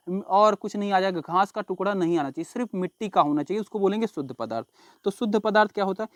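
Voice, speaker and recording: A man's voice: sits high, no room sound, studio quality. A man teaching a science lesson in a casual classroom style, repeating key terms and quizzing his students as he explains. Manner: chatty, calls students bhai and babu log.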